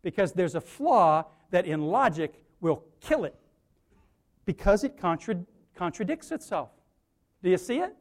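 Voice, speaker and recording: A man's voice: high voice, very animated, a little slow. A male pastor delivering a sermon, rising into emphatic preaching and putting questions to the congregation.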